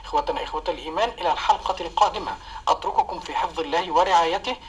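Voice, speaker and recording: A man's voice: a little high, very fast, reverberant, rough recording. A man hosting a formal interview, asking polite questions and closing the program. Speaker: TV program host.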